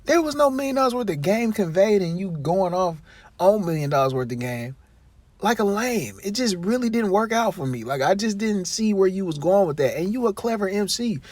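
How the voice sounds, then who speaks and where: A man's voice: high-pitched, expressive, a little fast, no echo. A man giving casual commentary on his channel, talking straight at the person he criticizes and calling him bro in a rambling, exasperated way. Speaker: vlogger commentator.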